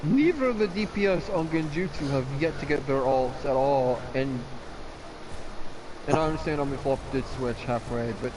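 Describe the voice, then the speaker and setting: A man casting a live esports match, animated and chatty with lots of filler words. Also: medium pitch, normal speed. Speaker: esports caster. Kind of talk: live game commentary. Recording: background noise.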